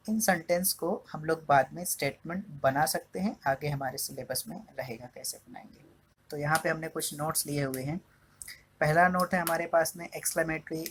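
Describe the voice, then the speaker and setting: A man's voice: on the high side, a little hiss or hum, low-quality recording. A male math teacher giving a board lesson, explaining each point step by step and often checking in with the class. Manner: steady explaining, keeps checking in with "okay". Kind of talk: whiteboard lesson.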